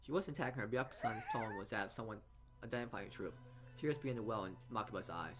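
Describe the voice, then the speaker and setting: Reading visual novel text aloud for a let's play, a man speaks fast and expressively in a lowish voice, often stumbling and repeating himself. Game music can be heard behind him.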